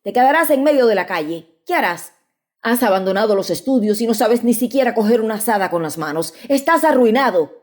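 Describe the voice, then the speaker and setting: A woman's voice: a little high, animated, brisk, pitched above the performer's own voice, lightly acted. A woman playing a harsh old peasant father. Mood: scolding. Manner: berating, harsh.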